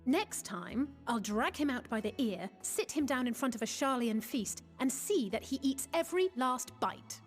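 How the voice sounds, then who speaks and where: A woman voicing a spirited young companion in a fantasy game, lively, assertive and teasing. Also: a little high, normal speed, hardly any pauses, close to an everyday voice. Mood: teasing, bossy. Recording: game audio with music behind.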